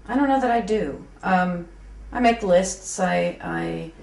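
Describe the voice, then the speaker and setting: Speaking slowly in a lowish, darkish voice with vocal fry, a woman in her fifties reflects candidly during an interview. She is a graphic designer, frank and self-mocking, and she keeps restarting and using fillers. The recording has an echoey room and a soft background hum.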